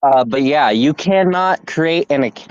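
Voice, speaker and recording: A young podcast co-host vents about websites in casual chat, rambling and restarting as he goes. His voice is a little high, animated and unhurried, and the recording sounds dull, dry and lo-fi.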